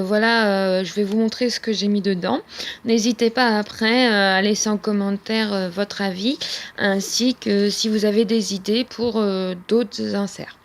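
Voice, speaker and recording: A young woman showing her planner in a casual vlog, talking with many hesitations and fillers. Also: medium pitch. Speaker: vlogger.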